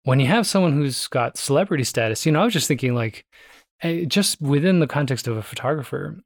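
A man's voice: on the high side, animated, quick pace, dry recording, studio quality. A man co-hosting a podcast, musing at length in casual conversation, rambling with restarts and casual swearing. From Canada. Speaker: podcast co-host.

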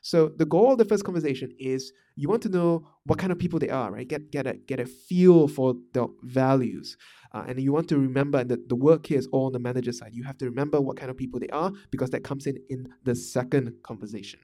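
A Malaysian podcast host with a mellow, mid-range voice talks fast through management ideas. It's a casual, thoughtful monologue, heavy on fillers and restarted sentences.

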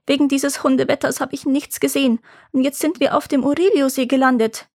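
A woman's voice: a little high, expressive, normal speed, no room sound. An impatient, harried farmer in a fairy-tale reading, urging his herd on with slightly raised, exclaiming calls, as a woman narrator puts him on. The sound is close and dry, with no room around it. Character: impatient, harried old-world male farmer.

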